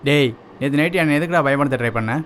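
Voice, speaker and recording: A man's voice: fairly high pitch, fast talker, slight background noise, natural voice. A man playing a nervous young man who keeps asking worried questions. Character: anxious young man haunted at night. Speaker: young man in a haunted house. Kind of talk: short film acting. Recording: film soundtrack with loud music. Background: film score.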